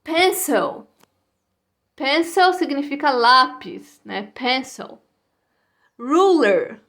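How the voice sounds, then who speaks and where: A woman teaching English vocabulary to children in a slow, patient way, repeating each word and checking in with short tags. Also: high-pitched, lively intonation, fairly bright tone.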